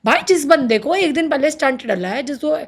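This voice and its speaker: Speaking briskly in a high-pitched voice, a woman in her thirties tells an interviewer about her marriage with strong emotion. She mixes Hindi and English and brings others' remarks to life by acting them out.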